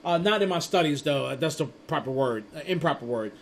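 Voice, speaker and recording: Guy teaching a networking course, kinda high voice, rambly and stumbly, chatty like he's telling a buddy a story. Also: expressive, fairly quick, gravelly. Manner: rambling with frequent restarts and stumbles; chatty storytelling with acted-out quotes. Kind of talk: casual spoken lecture.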